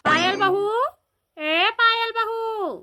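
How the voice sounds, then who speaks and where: A woman's voice: high-pitched, a little slow, bright, forceful tone. A woman voicing a curious, meddling young village woman in a cartoon, questioning and coaxing in an Awadhi accent.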